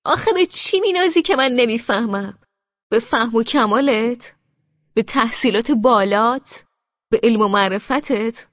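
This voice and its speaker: A woman narrator voicing a furious young man who shouts scornful, sarcastic rebukes at his sister. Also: a little high, expressive, dry recording, pitched above the performer's own voice. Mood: furious scolding. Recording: dry, slightly dull studio audio.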